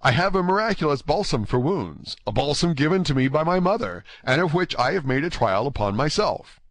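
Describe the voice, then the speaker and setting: Man voicing an eager, high-pitched young gallant. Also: sing-song, a little fast, fairly bright tone, no room sound. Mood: earnest, polite. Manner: formal, earnest, polite. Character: eager, courteous, bold young Gascon gentleman. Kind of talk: audiobook character dialogue.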